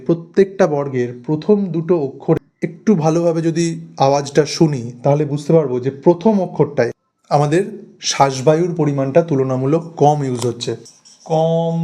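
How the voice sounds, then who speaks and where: A man's voice: on the high side, normal speed, warm tone. A man teaching a grammar lesson at a board, repeating key terms and stressing them.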